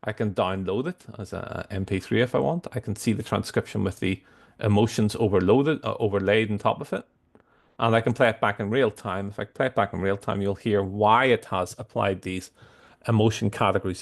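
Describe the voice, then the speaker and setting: A man presenting a screen-share tutorial, explaining things in a halting way with frequent restarts. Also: lowish voice, gravelly. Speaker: software demo presenter.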